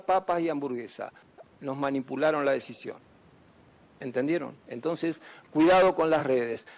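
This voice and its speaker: High-voiced doctor lecturing. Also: male voice, a little mellow. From Argentina. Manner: asks the audience questions, emphatic. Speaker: doctor giving a health talk. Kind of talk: public talk to students.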